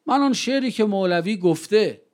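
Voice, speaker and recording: A man with a somewhat high voice addressing a gathering in an impassioned speech. He keeps throwing rhetorical questions at his listeners. He drags out key phrases slowly for weight, then slips back into brisk storytelling with quoted exchanges. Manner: slows down to stress key phrases; lively storytelling with quoted dialogue. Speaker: public speaker addressing a gathering.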